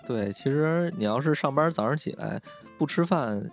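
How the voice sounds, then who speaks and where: A man's voice: on the high side, animated, moderate pace, faint music behind. A man, chatting casually in blunt, colloquial phrases. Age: 30s or older. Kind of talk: casual podcast chat.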